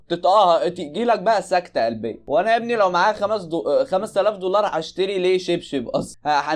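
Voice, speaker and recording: A man with an Egyptian accent giving casual, joking reaction commentary on videos, exclaiming in disbelief. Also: high-pitched.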